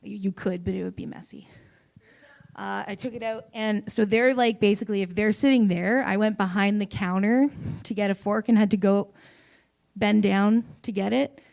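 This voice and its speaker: A young woman doing an open mic stand-up set on a small stage, deadpan with sudden loud bursts and giggles. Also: mid-range voice, normal speed, vocal fry. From Canada. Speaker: stand-up comedian. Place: small comedy venue on stage.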